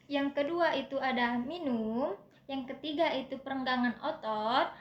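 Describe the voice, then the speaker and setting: High-voiced young woman presenting a lesson. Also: a little slow, echoey room, lo-fi sound. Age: young adult. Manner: explanatory, demonstrates vowels and breathing aloud. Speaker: student presenter. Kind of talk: classroom presentation on public speaking.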